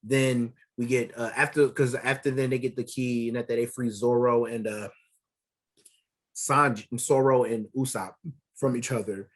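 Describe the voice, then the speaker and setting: A man's voice: mid-range voice, normal speed. Rambling man recapping anime. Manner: rambling, loose slang, many fillers, animated retellings. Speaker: podcast co-host. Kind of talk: casual anime review chat.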